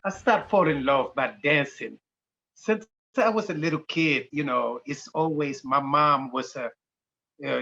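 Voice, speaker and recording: A man in his sixties with a Senegalese accent, a dance company founder telling his life story in a halting, unhurried way with many fillers. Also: fairly high pitch, sharp tone. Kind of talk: personal interview storytelling. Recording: dull lo-fi recording.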